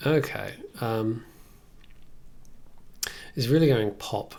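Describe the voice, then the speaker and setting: Working at an indoor computer desk, a young music production livestreamer talks casually through a tutorial, musing aloud tentatively. His medium-pitched voice is gravelly and darkish, and he takes it slow.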